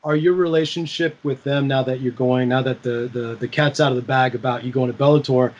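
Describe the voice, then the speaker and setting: Male podcast host, casual interviewer, halting questions, middle pitch. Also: steady tone, darkish tone, dull audio. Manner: halting, filler-heavy questions.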